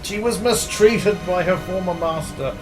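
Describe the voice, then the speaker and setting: A man's voice: high voice, unhurried, rough recording. A man playing a tabletop game, mixing casual chat with speaking as his character. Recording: music behind the voice.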